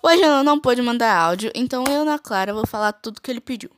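A woman's voice: on the high side, animated, racing, slight background noise. A woman presents a school geography podcast, reading her script in short phrases. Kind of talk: read-aloud school presentation.

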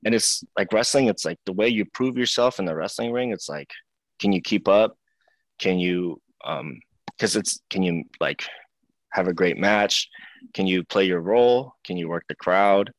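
A young man from Seattle talks in a very low voice, relaxed and chatty, tripping over little fillers and restarts as he answers interview questions. The sound is dry and close, with no room around it. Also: normal speed, no echo. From Seattle, United States. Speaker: professional wrestler, guest. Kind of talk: casual interview talk.

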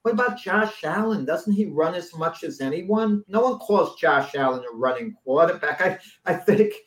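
A man argues his take on football in an opinionated, combative way, pushing key words up in pitch for emphasis. His voice is fairly high for a man. The room adds a noticeable echo. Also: animated, moderate pace. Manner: opinionated, argumentative, rising emphasis. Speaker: sports talk co-host. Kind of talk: casual sports talk.

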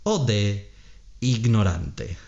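Brief male quiz host, patient explainer, lively animated pitch. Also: gravelly, dull audio. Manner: reads options slowly, explains grammar patiently, laughs often. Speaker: podcast co-host running a quiz. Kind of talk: slow, clear Spanish-lesson quiz chat.

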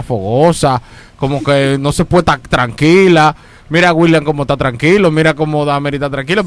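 A man's voice: a little high, no room sound. A man hosting a podcast, a teasing interviewer who keeps pressing the guests with questions. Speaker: podcast host. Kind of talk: casual podcast chat.

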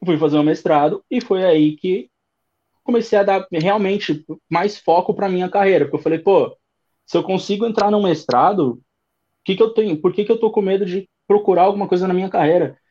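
A man in his thirties with a São Paulo accent, telling his story as an interview guest in a relaxed, rambling way. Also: sits high, fairly quick, highs cut off. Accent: São Paulo Brazilian Portuguese. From Brazil. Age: 30s. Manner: relaxed storytelling with many fillers. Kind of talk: casual interview chat.

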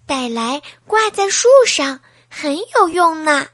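A woman's voice: high voice, animated, slow, fairly bright tone, no room sound, studio quality, voice pushed up, heavily acted. A woman voicing a sweet, tearful little schoolgirl in a children's storybook, with a childlike, plaintive way of talking. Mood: innocent.

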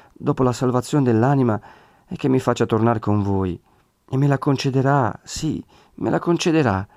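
A man's voice: mid-range voice, no room sound, clean studio sound, close to an everyday voice. A man doing a sorrowful devout young woman. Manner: soft, slow, tearful pleading.

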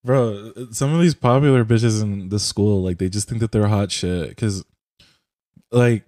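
A young podcast host from Puerto Rico, a native Spanish speaker, chats casually and profanely over a voice call on a headset or desk mic, rambling with lots of "bro" and "like." His voice is fairly low, a little slow, and warm, with a dry, studio-quality recording.

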